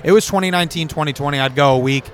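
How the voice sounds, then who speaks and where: A man's voice: a little high, very fast. Laid-back Philly-young man. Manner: laid-back, rambling, says bro and man. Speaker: comedy content creator. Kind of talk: casual chat.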